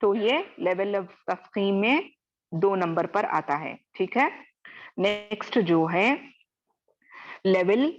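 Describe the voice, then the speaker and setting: A woman teaching Quran recitation in an online class, drawing out example words and often checking in with her students. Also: mid-range voice. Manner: slow, repeats example words drawn out; often checks in with "theek hai?". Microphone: video call. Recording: dull lo-fi video call audio.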